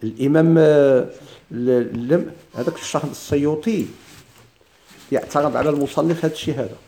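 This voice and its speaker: A man with a Moroccan Arabic accent, teaching Quranic readings in a classroom lesson and chanting verses slowly. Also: a little high, mellow, a little hiss or hum. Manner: explains in dialect, chants quoted verses slowly.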